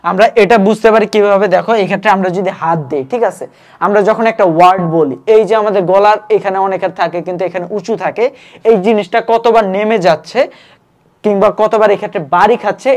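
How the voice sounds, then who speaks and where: ধীরে ধীরে সিলেবল ভেঙে বোঝানো শিক্ষক. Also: male voice, high voice. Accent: Bangladeshi Bengali. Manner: explanatory, repeats checking phrases, spells out syllables slowly. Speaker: admission coaching tutor. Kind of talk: online grammar lesson.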